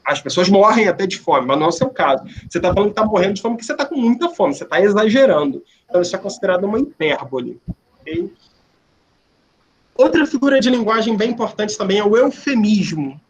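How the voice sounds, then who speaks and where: A man with a high-pitched voice runs a remote language class, explaining each step and asking "né?" and "ok?" often while restarting frequently. The recording is low quality with slight background noise.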